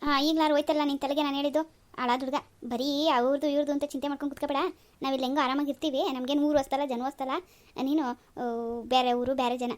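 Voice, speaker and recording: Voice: high-pitched, little pitch movement, quick pace, lightly acted. A voice actor playing a stern old father-in-law in a cartoon, lecturing. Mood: fond. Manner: scolding, lecturing. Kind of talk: cartoon dub.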